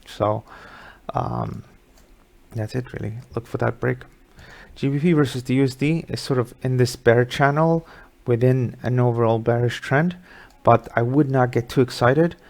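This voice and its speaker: A man's voice: mid-range voice, normal speed, gravelly, a little mellow. A middle-aged man from Sweden hosting a live market webinar, talking casually through charts with many fillers.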